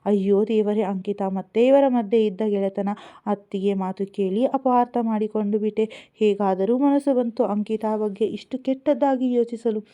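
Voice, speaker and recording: A tearful young wife full of remorse, pleading and begging forgiveness, as a woman storyteller puts her on. The sound is thin and tinny, like a phone line. Her voice sits at an ordinary middle pitch. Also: fairly even intonation, normal speed, mellow, close to an everyday voice. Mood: remorseful. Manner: pleading, sobbing apologies.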